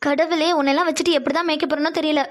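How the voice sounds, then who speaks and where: Brief: a level-headed cartoon big sister, high-voiced and quick, as a woman plays her. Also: fairly even intonation, natural voice. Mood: chiding. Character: sensible young woman, calm elder sister. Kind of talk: cartoon dub acting.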